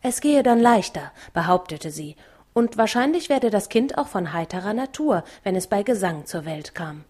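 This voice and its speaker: A woman narrating a children's novel as an audiobook, calm and measured. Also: medium pitch, husky. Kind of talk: audiobook reading.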